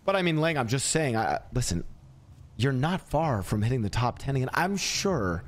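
A man's voice: medium pitch, big pitch swings, moderate pace. A man in a game roleplay, playing a self-appointed Cupid who teases and coaxes in a playful salesman patter.

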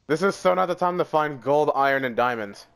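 A lively, swearing gamer guy. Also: a little high, fairly quick, creaky, clear, resonant tone. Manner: loud, profane, joking banter. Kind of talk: casual group voice chat while gaming.

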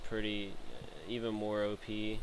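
A man's voice: lowish voice, completely flat delivery, normal speed, background noise. A man narrating a casual game-building tutorial over footage, rambling with lots of fillers and restarts.

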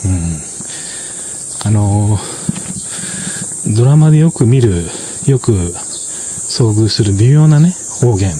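A man with a low, mellow voice talks through a drama review in a relaxed explanatory way. He is measured and unhurried, and he often pauses on fillers and tag particles. There is a faint hiss behind him. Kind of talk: casual explanatory commentary.

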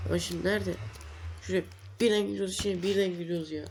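A man giving casual gameplay commentary, exasperated, swinging between low grumbling and loud outbursts. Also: steady tone, fast talker, vocal fry, very noisy. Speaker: gameplay streamer.

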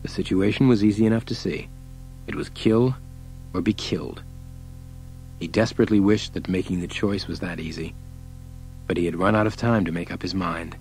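Low-voiced male audiobook narrator. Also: steady tone, quick pace, a little mellow, faint music behind, low-quality recording. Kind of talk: scripted narration.

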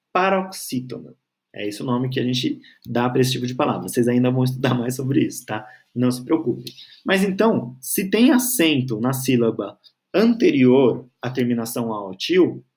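A man teaching a grammar lesson, patiently stretching out syllables and checking in with the learner. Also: mid-range voice. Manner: patient, spells out syllables slowly, frequent "tá?" and "certo?" checks.

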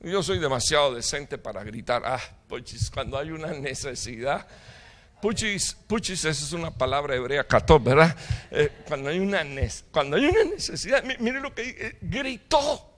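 A middle-aged man preaching a sermon as pastor, with impassioned preaching, sudden loud outbursts and jokes with the congregation. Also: a little high, animated, moderate pace. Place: church hall.

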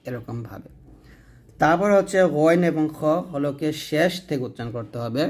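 A man teaching pronunciation of Arabic letters, patiently voicing each sound clearly and stressing it for learners to repeat. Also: on the high side, lively intonation, normal speed, a little mellow. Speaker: Quran recitation teacher. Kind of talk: step-by-step pronunciation lesson.

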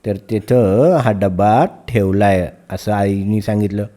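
A man reads a children's story at a slow, unhurried pace. His voice is mellow and dark-toned. He stops often to quiz his young pupils on words. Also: fairly low pitch, steady tone. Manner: storyteller who pauses to question young pupils. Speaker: teacher. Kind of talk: reading a story aloud and explaining it to children.

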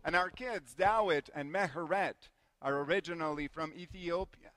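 A man's voice: fairly high pitch, no room sound. Man from Guatemala preaching with dry sound. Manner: warm anecdotal storytelling with gentle self-deprecating humor. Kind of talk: sermon with personal storytelling.

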